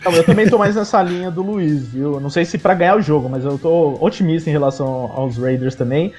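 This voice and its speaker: A Brazilian man with a voice a little on the high side. He hosts a casual football live stream, with faint music playing behind him. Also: brisk, a little mellow. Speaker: host of a sports live stream.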